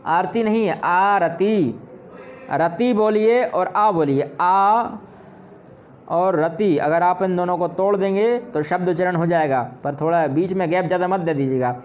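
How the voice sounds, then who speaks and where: A man teaching pronunciation who repeats words slowly and patiently, often asking questions and answering them himself. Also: high voice, a little mellow, muffled recording, slight background noise. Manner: asks and answers his own questions. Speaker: Sanskrit teacher. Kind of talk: pronunciation lesson.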